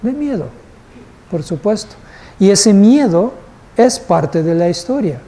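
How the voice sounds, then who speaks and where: A man's voice: sits high, animated, slow pace, dark tone. A male instructor teaching a live class, patient and asking the group questions. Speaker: course instructor.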